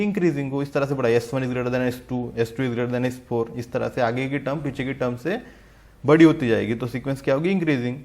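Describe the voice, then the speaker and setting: A man teaching a university maths lesson in Hindi mixed with English, often asking the class rhetorical questions and reading English definitions out slowly. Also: mid-range voice, darkish tone. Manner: asks the class rhetorical questions, says "theek hai" often. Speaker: math lecturer.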